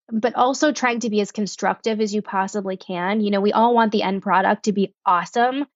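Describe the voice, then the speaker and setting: Woman doctor guest, mid-pitched, enthusiastic, dull and dry audio. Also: no room sound. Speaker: physician, guest. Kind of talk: podcast interview.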